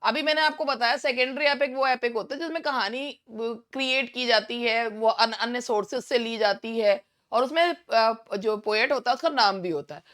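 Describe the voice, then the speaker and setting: A woman with an Indian accent teaching an exam-prep English lesson, going through questions and answers and reading each question out slowly. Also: fairly high pitch, a bit bright.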